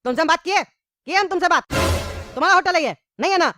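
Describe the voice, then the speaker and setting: A woman voicing a quarrelsome grown man, a short-tempered husband and father, bickering fast and angrily. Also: high voice, expressive, over loud music. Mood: angry. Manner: rapid angry bickering. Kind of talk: cartoon voice acting.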